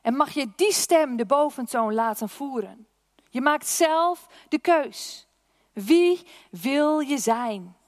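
A woman giving a sermon, slow and emphatic on key words, who sometimes slips into a hushed, anxious inner voice. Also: high-pitched, expressive, no room sound, studio quality. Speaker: preacher; church prayer and worship team member.

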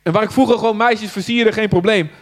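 Brief: male preacher from the Netherlands, lively storytelling sermon, slightly high voice, large reverberant hall. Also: fast talker. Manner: animated storytelling, acts out voices, swings from hushed to loud. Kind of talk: sermon to a live audience.

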